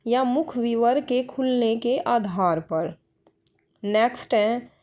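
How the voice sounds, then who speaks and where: A woman's voice: fairly high pitch, darkish tone. A woman teaching a grammar lesson for exam students, posing questions and answering them herself, with English words mixed in. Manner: mixes English words into Hindi.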